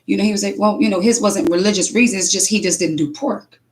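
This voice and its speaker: A mother speaking casually, telling an animated spiritual testimony full of restarts and acted-out quotes. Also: medium pitch, quick pace.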